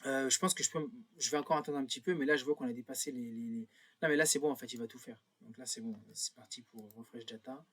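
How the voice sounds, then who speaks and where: A man's voice: medium pitch, steady tone, fast, a bit bright, husky. A man thinking aloud through a screen-recorded tutorial, with many fillers and self-corrections as he clicks. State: a bit nervous. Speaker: instructor.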